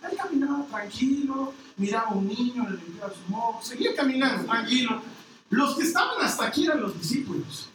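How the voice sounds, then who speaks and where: A preacher telling a story in a lively, playful way, with acted voices. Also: mid-range voice, brisk. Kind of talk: sermon with humorous storytelling. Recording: echoey hall, distant mic, noise.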